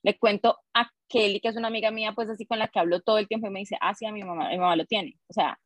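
A woman's voice: mid-range voice, level tone, rapid-fire. A woman co-hosting a casual podcast, explaining her points in a friendly way. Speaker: podcast co-host.

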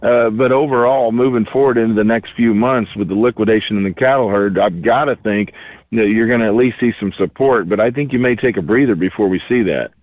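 A man's voice: fairly low pitch, a little fast, dry recording. A man speaking over the phone as a market analyst guest, rambling in a folksy way with many fillers. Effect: heard over the phone. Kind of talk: casual market commentary. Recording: tinny dry phone line.

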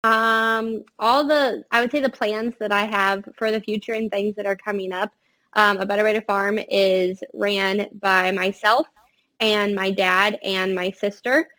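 A woman's voice: medium pitch, fairly even intonation, measured pace, pushed and bright, rough recording. Earnest, upbeat young woman being interviewed. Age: young adult. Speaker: podcast guest, family farm-consulting business co-runner. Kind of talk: interview answers, casual. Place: quiet space in a college library.

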